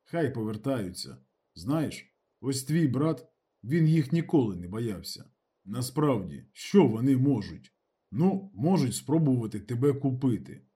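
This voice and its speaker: A man voicing a calm, injured man who talks slowly and deliberately. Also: medium pitch, breathy edge. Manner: slow and deliberate. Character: calm injured man, threatening when pushed.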